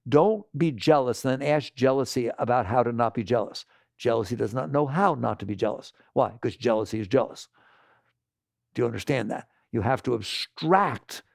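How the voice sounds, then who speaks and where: A man giving an animated talk to an audience, scolding and asking rhetorical questions. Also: mid-range voice, gravelly, no room sound, clean studio sound.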